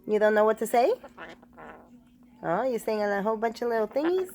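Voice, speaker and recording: A woman's voice: on the high side, lively intonation, a little fast, darkish tone, a little hiss or hum. A woman casually talking to her pet parrot, coaxing it in a sing-song voice and dropping in Spanish pet words. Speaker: pet bird owner.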